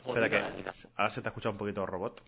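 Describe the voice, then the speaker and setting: A man's voice: on the low side, fairly even intonation, very fast, noisy background. Casual, slangy Spanish man streaming. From Mallorca. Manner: casual, slangy, laughs a lot. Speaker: streamer host. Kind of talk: casual chat with chat questions. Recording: dull lo-fi stream audio.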